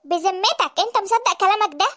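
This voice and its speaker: A woman with an Egyptian accent voicing a caring but firm older mother-in-law in an animated story, motherly and scolding. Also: extremely high pitch, fast talker. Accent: Egyptian Arabic.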